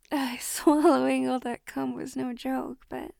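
A cheeky adult woman, played by a woman speaks slowly in a high, gravelly voice. She drops in breathy, laughing asides. The sound is dry and close. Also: fairly even intonation, darkish tone, no room sound, full character voice. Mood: playful. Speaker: audio roleplay performer. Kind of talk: intimate audio roleplay.

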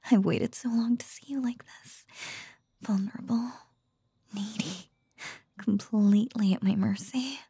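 An ancient nine-tailed fox goddess, whispered by a woman, possessive and teasing. Her breathy, husky whisper is slow and gently gravelly, mellow in tone, and close and dry against the mic. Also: mid-range voice, no echo. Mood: seductive, teasing. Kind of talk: whispered ASMR roleplay.

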